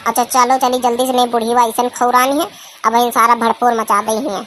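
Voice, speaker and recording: A woman's voice: a little high, flat delivery, a little fast, fairly bright tone, slight background noise, natural voice. A woman voicing a chatty young village woman. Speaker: cartoon voice. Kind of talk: cartoon comedy voice acting.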